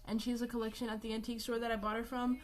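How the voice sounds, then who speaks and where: A woman's voice: fairly high pitch, little pitch movement, rapid-fire. A young woman chatting casually on a live art stream at home, rambling, joking at herself and swearing freely. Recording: music playing behind the voice. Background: music.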